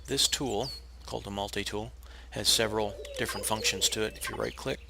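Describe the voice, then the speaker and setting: This time the raspy, low-voiced narrator, croaky from illness, moves fairly quickly through his casual gameplay tutorial, though his manner stays easy and relaxed. He explains the build step by step, peppering it with "uh" fillers, restarts, and the odd correction. Birds chirp faintly over the steady hiss of his home setup.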